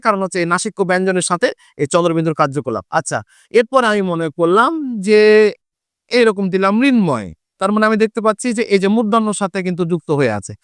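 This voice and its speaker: A man from Bangladesh teaching a Bengali grammar lesson for exam students, repeating each rule slowly and asking and answering his own questions. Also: high voice, clean tone, no echo, studio quality.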